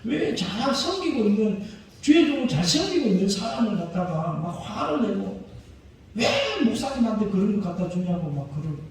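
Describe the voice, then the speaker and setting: Guy preaching a sermon, pretty high voice, super echoey church, kinda far from the mic. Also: very animated, normal speed, a crowd in the background. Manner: emphatic, asks the congregation rhetorical questions. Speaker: pastor. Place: church sanctuary.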